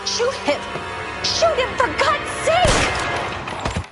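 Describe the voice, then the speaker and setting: A woman's voice: extremely high pitch, sing-song, very fast, over loud music. A woman playing a desperate, scheming widow in a crime drama video game. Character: desperate, scheming widow protesting her innocence.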